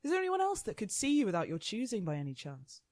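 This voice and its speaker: A woman's voice: medium pitch, huge pitch swings, fast, a little mellow, no room sound. A woman playing War, a gleefully menacing, smug immortal gang boss with a taunting, sweary manner, in a radio play. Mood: smug, sly.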